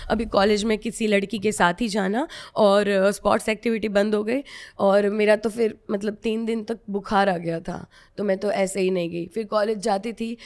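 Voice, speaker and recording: A woman's voice: medium pitch, smooth. A woman from Gujarat, a web series actress, earnestly telling a personal story in a podcast interview and mixing in English phrases.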